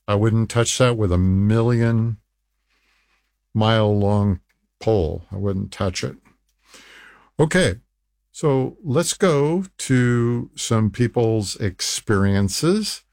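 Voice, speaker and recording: An older man hosting a nutrition talk program, pitching supplements in an emphatic sales manner and reading listener testimonials aloud. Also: a little mellow, no echo, clean studio sound. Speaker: nutrition radio host. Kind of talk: promotional health talk.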